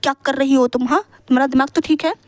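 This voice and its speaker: A woman's voice: high-pitched, fairly even intonation, quick pace, close to an everyday voice. A woman voicing a jealous young boyfriend who speaks confrontationally in a fan-fiction story. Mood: angry.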